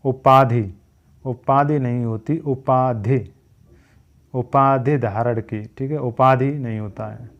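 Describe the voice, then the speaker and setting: A man's voice: mid-range voice, fairly even intonation, unhurried, hardly any pauses, phone-quality sound. A man teaching a spelling lesson, drilling each word by repeating its wrong and right forms.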